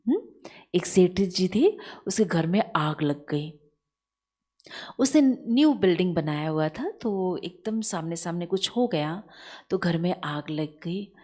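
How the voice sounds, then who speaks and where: Slow, animated woman meditation teacher. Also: mid-range voice. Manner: animated, questions the audience often. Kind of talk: spiritual lesson with storytelling.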